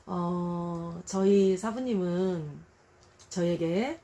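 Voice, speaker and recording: A woman's voice: lowish voice, drawn-out words. A middle-aged woman preacher giving a devotional Bible talk, conversational and full of rhetorical questions, acting out quotes in a raised voice. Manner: animated, acts out quotes in a raised voice.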